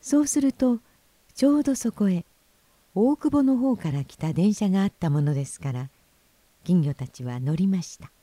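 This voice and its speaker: A woman hosting and narrating a children's story in a gentle, expressive reading voice on a close mic. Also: mid-range voice, normal speed, dry recording. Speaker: host and narrator.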